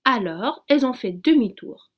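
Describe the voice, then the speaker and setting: A woman's voice: fairly high pitch, normal speed. A woman voicing a boastful, peremptory male blackbird in a storybook reading. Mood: know-it-all. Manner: excitable, peremptory, shouting exclamations.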